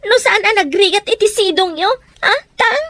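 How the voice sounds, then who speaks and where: A woman's voice: very high-pitched, lively intonation, moderate pace, fairly bright tone, dry recording, full character voice. A woman playing a burdened, reproachful young eldest daughter in a radio drama, with a Filipino accent.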